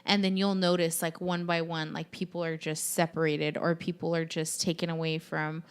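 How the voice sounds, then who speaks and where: A woman with a smooth, clear voice, sitting a little low in her register, chatting on her podcast. She tells things eagerly and loosely, piling on "like" and "you know" and cursing freely. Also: normal speed. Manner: animated, swears freely, many fillers. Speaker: podcast host. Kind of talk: casual podcast chat.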